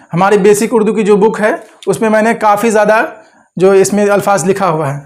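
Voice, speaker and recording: A man teaching an Urdu lesson step by step, patiently repeating words and asking the viewer questions. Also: high-pitched.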